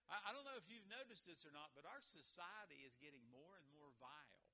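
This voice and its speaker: A man's voice: fairly high pitch, animated, a little fast, sharp tone. A man preaching a sermon in a folksy way, repeating words and chuckling between points. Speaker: pastor.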